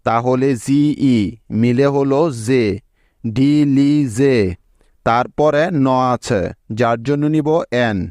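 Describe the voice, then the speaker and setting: A man teaching English spelling step by step, explaining each letter and syllable in a slow, patient voice-over. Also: medium pitch, steady tone, darkish tone, clear, resonant tone, dry recording, clean studio sound. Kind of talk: spelling lesson narration.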